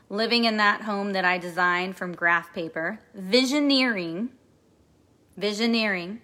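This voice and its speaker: A woman's voice: mid-range voice, fairly bright tone. A woman in her forties hosting a podcast, giving an emphatic motivational monologue with lots of repetition. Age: 40s. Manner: emphatic, repetitive, emotional at times. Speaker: podcast host and coach.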